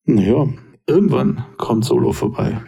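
A man voicing a menacing male gangster boss who threatens calmly. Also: mid-range voice, normal speed, gravelly, breathy edge, full character voice. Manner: calm, intimidating.

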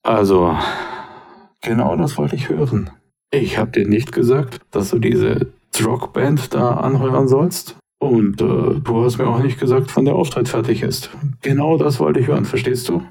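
A man voicing a menacing male gangster boss who threatens calmly. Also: mid-range voice, measured pace, vocal fry. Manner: calm, intimidating.

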